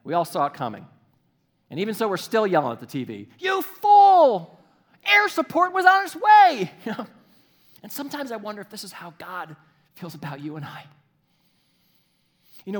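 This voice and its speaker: A male pastor preaching a sermon in a church, animated and acting out little voices, then dropping to a soft, hushed delivery. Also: fairly high pitch. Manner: animated, acts out quoted voices.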